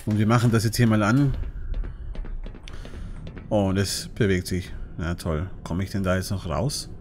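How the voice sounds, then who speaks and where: Excitable man commenting on a game. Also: lowish voice, moderate pace, a little hiss or hum. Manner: excitable, shouts and squeals when startled, chatty asides to viewers. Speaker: let's play commentator. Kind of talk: gaming commentary.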